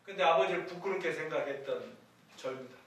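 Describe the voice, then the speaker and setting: An older male pastor with a rather high voice preaches in a plain, storytelling way, drifting into personal memories. His voice rings through a very echoey church hall, picked up from a distance. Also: quick pace, a bit bright. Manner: conversational preaching with personal stories. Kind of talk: sermon. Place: church sanctuary.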